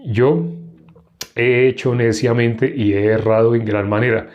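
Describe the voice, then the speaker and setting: A man reading the part of Saul, an older king who is remorseful and pleading, in a slow, drawn-out way. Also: mid-range voice, fairly even intonation, dull audio, close to an everyday voice.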